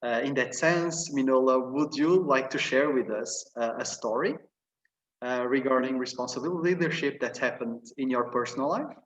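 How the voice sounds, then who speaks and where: A man's voice: mid-range voice, lo-fi sound. Polite young man, roomy and distant. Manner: polite, halting, slightly formal questions. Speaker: interviewer, master student. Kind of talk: conversational interview. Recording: echoey room, distant from mic.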